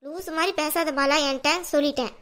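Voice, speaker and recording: A woman's voice: high voice, fairly even intonation, fast talker, a bit bright. A woman voicing a bold, blunt young daughter-in-law in a cartoon, arguing back defiantly. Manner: defiant, argumentative. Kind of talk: cartoon dubbing.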